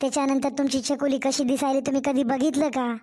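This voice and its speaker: A woman's voice: high voice, flat delivery, fast talker, warm tone, close to an everyday voice. A woman with a Marathwada Marathi accent voicing a distressed young mother who complains and pleads in a cartoon story. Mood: pleading.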